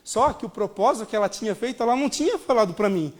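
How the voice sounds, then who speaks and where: A Brazilian man in his thirties preaching a sermon, telling a personal story in an animated way and calling the congregation brothers. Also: sits high, fast. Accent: Brazilian Portuguese. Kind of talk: sermon testimony.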